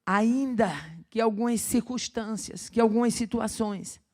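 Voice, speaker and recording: A woman's voice: on the high side, fairly even intonation, a little slow. Fervent woman preaching. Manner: fervent, rises to loud exclamations, punctuates with "Aleluia". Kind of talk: sermon.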